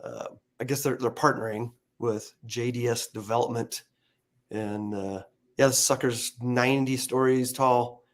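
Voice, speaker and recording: A man's voice: medium pitch, steady tone, a little slow. A man hosting a podcast, chatting casually about real estate news in a loose, hesitant way with lots of fillers. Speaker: podcast host. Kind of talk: casual chat over a call.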